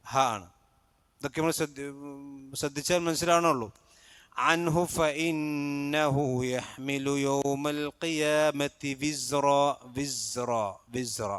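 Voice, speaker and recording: A man teaching a mosque class on Quran recitation, his voice smooth and resonant and a little above the usual pitch for a man. He chants each verse slowly, then explains the rules and asks his class questions. The sound is dry and close. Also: fairly bright tone, dry recording.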